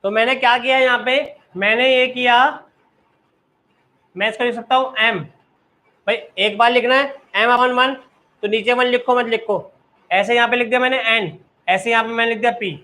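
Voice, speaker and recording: A man's voice: very high voice, steady tone, normal speed, bright, forceful tone. A man teaching a live online maths class, often checking that his students follow and urging them to keep studying.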